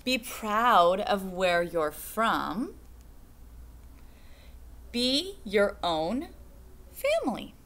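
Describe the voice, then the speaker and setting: Very animated and a little bright at a medium pitch, a woman in her thirties, a teacher, reads a picture book to young children in her classroom. Her storytime delivery is slow and sing-song, captured by a desk webcam.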